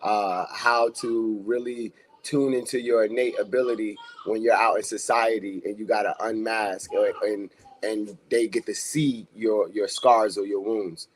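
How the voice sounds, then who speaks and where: A man's voice: on the low side, steady tone, a little slow, slight background noise. A man speaking as a guest on a casual podcast, with a loose, rambling delivery full of fillers and street slang. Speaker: podcast guest, community activist.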